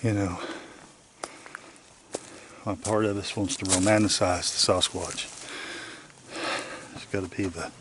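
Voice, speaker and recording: Winded man talking low on a hike. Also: steady tone, measured pace, long pauses, background noise. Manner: often drops to a hush. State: out of breath. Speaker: vlogger on a woods hike. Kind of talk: casual walking vlog. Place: outdoors on a forest trail. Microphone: handheld camera.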